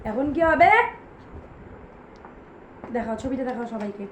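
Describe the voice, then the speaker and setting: A woman's voice: on the high side, lively intonation, a little slow, muffled recording. A woman, a mother in a home vlog, talking in coaxing, soothing baby talk to her little child. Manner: sing-song, coaxing and soothing, speaks to a crying baby. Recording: echoey room with loud background noise.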